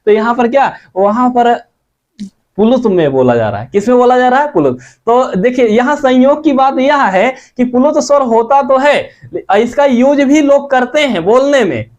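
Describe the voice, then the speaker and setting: A man's voice: very high-pitched, expressive, moderate pace, a little mellow. A man teaching a grammar lesson. He asks questions and answers them himself, and draws out sung examples. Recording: dull lo-fi recording.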